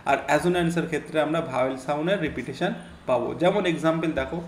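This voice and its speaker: A man's voice: fairly high pitch, fast. A man patiently explaining an English lesson, repeating his points with many fillers. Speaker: English exam tutor. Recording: echoey room, faint hiss.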